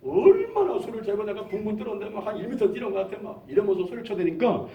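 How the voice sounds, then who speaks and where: Telling a testimony in his sermon, a high-voiced, fast-talking pastor in his sixties brings the story to life by performing each character's quoted lines. The recording is dull and lo-fi.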